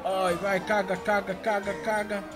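A middle-aged Brazilian man giving casual, excitable gameplay commentary full of slang and exclamations, recorded in a room at home. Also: high-pitched, a little slow. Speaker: gaming video host. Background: music.

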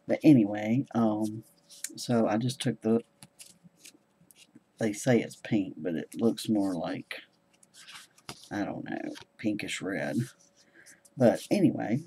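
Slow, mellow man chatting about crafts. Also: fairly low pitch, slightly rough, poor audio. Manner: rambling, hesitant, many ums. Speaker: crafting vlogger. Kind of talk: casual show-and-tell chat.

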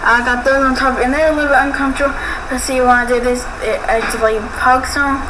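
A woman's voice: high voice, fairly even intonation, fast talker. A teenage girl chatting casually in a home vlog, rambling with restarts while holding her lips pulled back with her fingers. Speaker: vlogger. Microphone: laptop built-in mic. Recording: noisy home recording.

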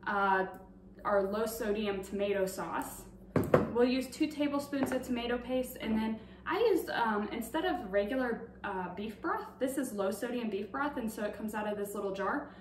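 Captured by a distant tripod camera in a roomy kitchen, a young woman speaks at a moderate pace in a fairly high voice. She demonstrates a recipe casually, narrating each step with plenty of fillers, over some background noise.

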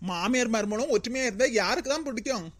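Woman playing a sweet young daughter-in-law, kanyakumari tamil, high soft voice, always agreeing. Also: expressive, fast. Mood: agreeable. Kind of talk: comic cartoon voice acting.

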